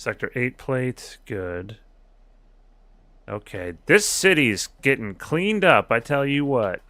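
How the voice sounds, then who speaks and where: A man's voice: medium pitch, sing-song, slow pace, pushed and bright, no echo. A man streaming a video game, chatting casually with jokes and swearing as he plays. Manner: chatty, joking, profane. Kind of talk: casual gameplay commentary.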